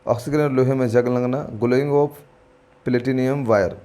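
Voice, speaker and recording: A male teacher works through exam questions in a chatty, informal way. He talks to viewers like friends, thinks out loud and corrects himself as he goes. He drops English terms into his explanations, in a voice of middling pitch. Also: fairly even intonation, takes it slowly. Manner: thinks aloud and corrects himself mid-answer. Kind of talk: exam-prep lesson walking through quiz questions.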